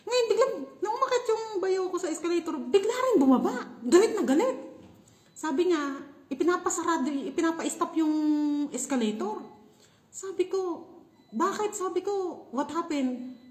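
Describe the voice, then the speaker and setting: A young Filipina woman telling a story in a casual vlog, animated and laughing often. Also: extremely high pitch, normal speed, echoey room. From Philippines. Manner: animated, laughing, shrieks when reenacting. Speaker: vlogger.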